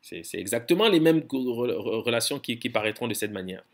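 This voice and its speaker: A man giving a scholarly lecture in a firm, insistent tone. He often repeats words while searching for phrasing and slows down to spell out foreign terms. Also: medium pitch, animated.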